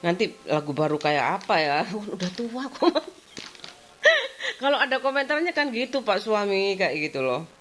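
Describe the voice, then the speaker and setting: A woman's voice: medium pitch, huge pitch swings, moderate pace, a bit bright, slight background noise. A woman, chatting casually in a rambling way to her vlog audience and leaning on the same fillers over and over. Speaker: vlogger. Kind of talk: casual chat.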